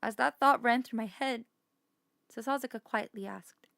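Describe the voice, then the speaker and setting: A woman's voice: fairly high pitch, normal speed, gravelly, fairly bright tone, no echo. A woman streamer reading the text of a story game aloud, stumbling over unfamiliar words with light asides.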